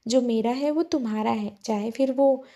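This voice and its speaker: A woman voicing an earnest, gentle young husband in a spoken love story. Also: fairly high pitch, normal speed, lightly acted. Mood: earnest, tender. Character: young man, caring husband.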